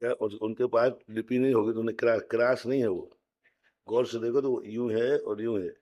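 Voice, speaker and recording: A man teaching a Sanskrit grammar class, explaining step by step, slowly chanting rules and putting questions to his students. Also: mid-range voice, steady tone, muffled recording.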